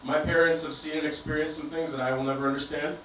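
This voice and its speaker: A man from Albania doing a stand-up comedy set in a club with a deadpan, self-deprecating delivery. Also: on the high side, quick pace, very echoey, far from the mic, a little hiss or hum, poor audio. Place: comedy club stage, performing to a live audience.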